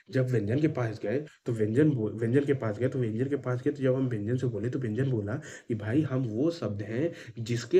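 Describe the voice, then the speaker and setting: A man's voice: medium pitch, warm tone, husky. A male teacher giving an exam-prep grammar lesson, asking and answering his own questions and repeating key points with emphasis.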